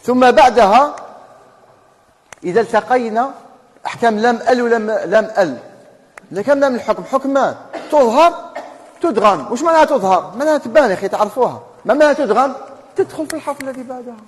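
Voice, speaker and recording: A man with an Algerian Arabic accent leads a tajweed class, and his voice sits fairly high for a man. He keeps questioning his students, then spells out the rules himself. The sound carries a long reverb from a mosque hall. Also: animated, quick pace, pauses often. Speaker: Quran recitation teacher.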